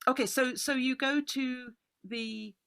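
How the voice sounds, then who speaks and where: A woman hosting an interview, chatty and halting with frequent restarts, on a video call. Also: high-pitched, fairly even intonation, gravelly, fairly bright tone, clean tone. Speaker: interviewer host. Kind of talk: casual interview chat.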